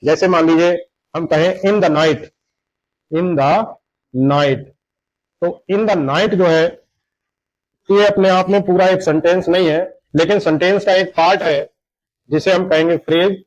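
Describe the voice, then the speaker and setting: Male teacher, slightly high voice, patient explainer, lo-fi mic. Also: steady tone. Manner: slow, explanatory, repeats examples. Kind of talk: Hindi grammar lesson lecture. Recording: dull lo-fi sound.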